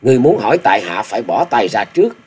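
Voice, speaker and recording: A man's voice: lowish voice, big pitch swings, moderate pace, darkish tone, husky. A man voicing a polite but stubborn young male swordsman who gives formal, proud replies. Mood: angry.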